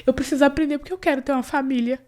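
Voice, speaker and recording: A woman's voice: high voice, steady tone, very fast, darkish tone. A woman, a guest telling a personal story in earnest, with many fillers and restarts. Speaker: interview guest, cleaning business owner. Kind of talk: emotional personal story in casual conversation.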